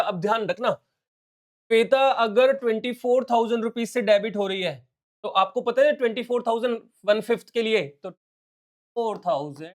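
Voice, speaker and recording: A male commerce teacher explaining exam questions step by step, working sums aloud and mixing English terms into his talk. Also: sits high. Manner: explains step by step, calls viewers "beta" and "bachche". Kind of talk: solving exam questions on a live stream.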